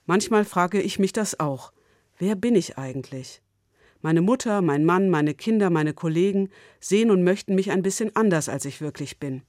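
Calm woman with a dry close sound. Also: on the low side, no echo. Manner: calm, measured storytelling. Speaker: speaker of a short devotional. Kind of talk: scripted reflective talk.

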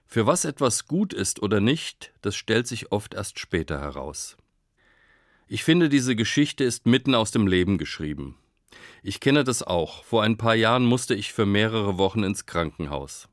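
Calm low-voiced man giving a devotional. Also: dry recording, clean studio sound. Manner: calm, measured storytelling. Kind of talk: short radio-style devotional reflection.

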